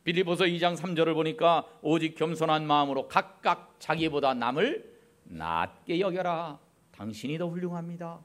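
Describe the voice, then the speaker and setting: A man's voice: fairly high pitch, expressive, normal speed, a bit bright. A middle-aged man preaching a Sunday sermon as pastor in a church, acting out little family quarrels as he goes. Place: church sanctuary.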